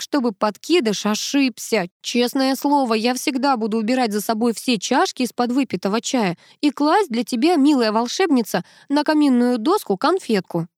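A woman reading an audiobook as a lively, ironic first-person storyteller. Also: on the high side, moderate pace, dry recording, studio quality. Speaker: audiobook narrator. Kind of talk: scripted narration.

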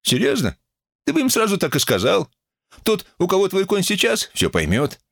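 A man's voice: high-pitched, huge pitch swings, normal speed, vocal fry, pitched above the performer's own voice, exaggerated voice. Man doing a jeering, strident young cowboy. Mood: sarcastic. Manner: mocking, jeering. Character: irritated young male cowboy, sarcastic.

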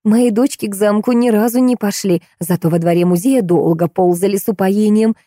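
A woman reading a first-person novel aloud as an audiobook narrator, telling it in a lively, wry way with playful lifts. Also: mid-range voice, brisk, no room sound, studio quality.

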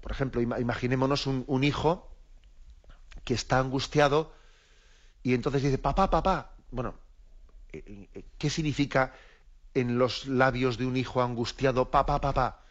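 Spanish priest teaching in a reflective tone. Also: male voice, mid-range voice, flat delivery, moderate pace, pauses often, muffled recording. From Spain. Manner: reflective, repeats words, checks in with "¿eh?". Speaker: bishop teaching the catechism. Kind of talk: radio catechism lesson.

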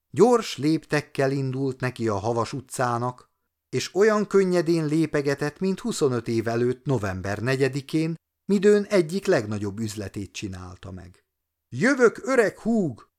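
A man reading a classic short story aloud as an audiobook narrator, with expressive delivery. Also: medium pitch. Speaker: audiobook reader.

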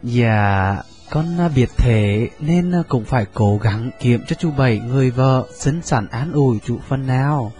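Người đàn ông đọc vai quan huyện lễ phép, ngập ngừng. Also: male voice, medium pitch, measured pace, few pauses, a little mellow, soft background music, natural voice. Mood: deferential. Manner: hesitant, full of fillers. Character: district mandarin son, deferential and scheming.

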